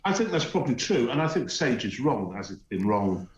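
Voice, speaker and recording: Very animated and a little fast, a middle-aged Teesside man from North East England serves as a guest commentator on a talk show from home. He's emphatic and scornful with many hesitant uhs, his mid-range voice coming through reverberant, dull audio.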